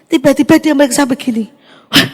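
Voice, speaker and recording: High, gravelly woman giving testimony. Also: moderate pace. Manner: animated, acts out dialogue. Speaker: testimony speaker. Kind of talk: emotional testimony in a church.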